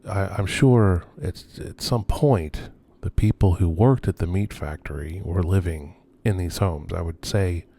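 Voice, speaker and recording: His low, gravelly, dark voice runs a little slow with hardly any pauses, and there is no room sound. Still, the urban explorer and video host sounds hesitant, musing, and subdued with trailing phrases as he narrates an unscripted night tour of abandoned row houses in a noisy ambient recording.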